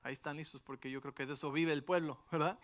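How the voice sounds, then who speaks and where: A man's voice: on the high side, quick pace, slight background noise. A middle-aged man, a pastor telling a personal story in a sermon and checking in with his listeners often. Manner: animated storytelling with frequent rhetorical asides.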